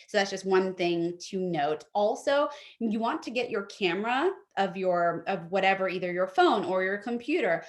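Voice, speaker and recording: A young woman presenting an online etiquette workshop from her home office, friendly and practical, with plenty of fillers. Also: mid-range voice.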